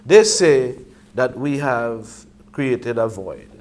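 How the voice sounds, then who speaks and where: A man's voice: mid-range voice, lively intonation, takes it slowly, a little mellow. A man with a Caribbean accent speaking in a Rastafarian manner, making emphatic points in conversational reasoning. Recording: clearly noisy ambient background.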